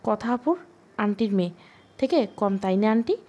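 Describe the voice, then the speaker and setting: A woman voicing a chatty, outspoken young sister-in-law in an audio story, in a mellow tone. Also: mid-range voice, expressive, moderate pace, lo-fi sound, lightly acted.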